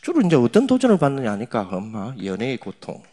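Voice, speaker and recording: A middle-aged man preaching a sermon to young adults. He talks in a teasing, conversational way and swings from loud lines to hushed asides. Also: medium pitch, huge pitch swings, fast talker. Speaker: pastor.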